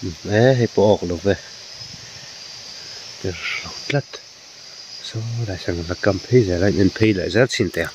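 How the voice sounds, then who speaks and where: Deep-ish guy out hunting rats, crickets faint behind, talks lively. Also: a little fast, long pauses, background noise. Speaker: rat hunter. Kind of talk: casual chat outdoors.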